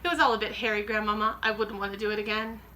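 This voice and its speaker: A woman's voice: medium pitch, steady tone, very fast, pushed and bright, a little hiss or hum, natural voice, low-quality recording. A woman reading aloud who voices an eager young boy who has been turned into a mouse. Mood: excited. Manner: eager and breathless.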